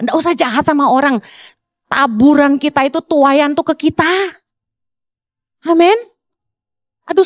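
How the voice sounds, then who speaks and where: A high-pitched woman pastor preaches with lots of energy. She swings between urgent, high-pitched exhortation and low, mock-calm asides, and she jokes with the congregation. The sound is dry and close, with little room echo. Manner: humorous, colloquial asides to the congregation. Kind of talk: sermon. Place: church stage.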